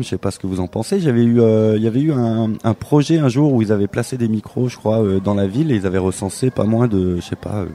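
A man hosting a live radio interview at an association forum, talking in a relaxed, chatty way with plenty of fillers. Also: lowish voice. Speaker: radio host.

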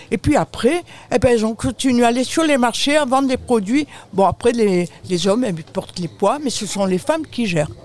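Her pitch is fairly high and her tone darkish. She is a French aid charity representative appearing as an interview guest, explaining off the cuff with emphatic delivery and frequently speaking straight to the listener.

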